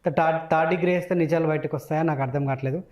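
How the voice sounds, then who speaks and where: A man's voice: a little high, steady tone, rapid-fire, a little mellow. A man interviewing a guest, pressing him with probing follow-up questions.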